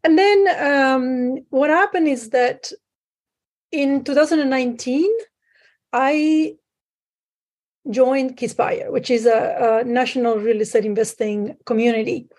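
A woman from Sicily, a guest on a call, talking through her past with many pauses and fillers. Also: high voice, darkish tone. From Sicily, Italy. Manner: hesitant, many fillers, restarts. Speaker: guest, private lender. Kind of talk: conversational interview. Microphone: remote call.

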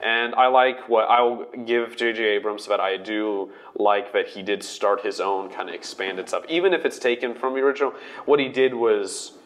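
Rambling excitable man. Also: lowish voice, moderate pace. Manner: excitable, rambling, self-interrupting. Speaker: panelist. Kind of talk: casual fan discussion.

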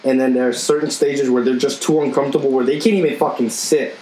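A man's voice: mid-range voice, steady tone, quick pace, roomy sound, a crowd in the background, rough recording. A man in casual banter with friends, blunt and wry, swearing a lot.

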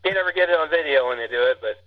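A man's voice: on the high side, very fast. A man chatting casually as an interview guest over a narrow, tinny phone connection. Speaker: podcast guest, pig farmer.

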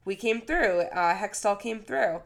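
A woman's voice: mid-range voice, unhurried, gravelly. A woman co-hosting a podcast with casual sports talk, speaking while sick with a cold. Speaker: podcast co-host.

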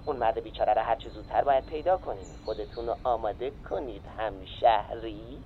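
A man voicing a cheerful male radio announcer addressing his listeners. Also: fairly low pitch. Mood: announcing. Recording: tinny radio sound with faint music.

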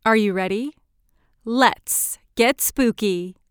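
A woman playing a spooky, vampish horror hostess, theatrical and drawn-out like a vintage horror narrator. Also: a little high. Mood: spooky, inviting. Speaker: show host.

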